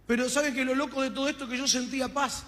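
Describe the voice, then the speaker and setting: A man's voice: extremely high pitch, little pitch movement, fast talker, a bit bright. A man with an Argentine accent preaching his testimony to a congregation, telling his story with fervor and acting out the dialogue. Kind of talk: testimony sermon. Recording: long reverb of a hall.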